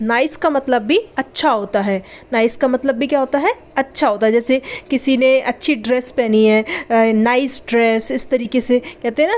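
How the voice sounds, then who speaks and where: Young woman, patient beginner-lesson teacher, slightly high voice, spells words slowly. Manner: patient, spells words letter by letter, asks and answers own questions. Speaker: English teacher. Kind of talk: spoken language lesson.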